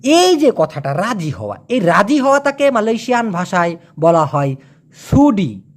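A chatty male teacher gives a casual language lesson. His pitch swings up and down as he jokes with the viewers, and he slows right down to spell out each example word. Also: huge pitch swings. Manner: chatty, joking, drags out example words slowly.

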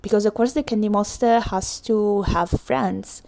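Slow Italian-accented woman narrating art. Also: mid-range voice, gravelly, darkish tone. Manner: hesitant, many fillers, apologetic. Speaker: illustrator. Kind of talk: tutorial voice-over.

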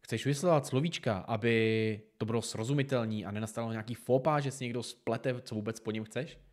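A man from the Czech Republic gives a relaxed pronunciation tutorial, speaking directly and informally to the viewer. His voice sits at an ordinary middle pitch. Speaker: English teacher. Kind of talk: casual tutorial monologue.

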